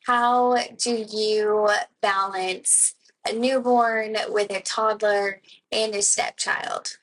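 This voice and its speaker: A woman's voice: medium pitch, fairly even intonation, slow pace, low-quality recording. A woman hosting a podcast, asking short, encouraging questions in a casual chat. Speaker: podcast host.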